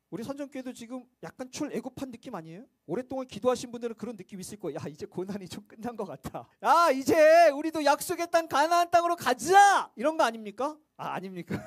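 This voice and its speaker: A man's voice: very high voice, no room sound. A man preaching a church sermon, talking conversationally and asking the congregation rhetorical questions. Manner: acts out quoted voices, sometimes shouting. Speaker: pastor.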